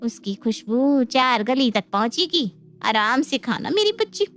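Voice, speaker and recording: A woman's voice: on the high side, sing-song, unhurried, fairly bright tone, soft background music. Woman voicing a folksy village auntie. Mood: indulgent. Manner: folksy village speech, blunt opinions. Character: middle-aged village woman, gossipy neighbor and mother. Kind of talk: cartoon voice acting.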